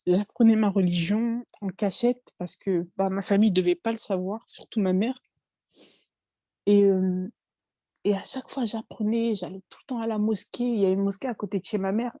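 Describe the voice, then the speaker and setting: A woman's voice: mid-range voice, warm tone, no room sound. A woman in her twenties giving a hesitant, emotional personal testimony, often apologizing and restarting.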